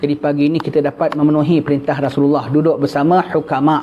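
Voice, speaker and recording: A man's voice: fairly high pitch, flat delivery, fast. Folksy older man teaching religion, lo-fi. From Singapore. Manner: conversational, folksy, mixes in Javanese and Arabic phrases. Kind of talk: kitab study lecture. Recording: dull lo-fi recording with faint noise.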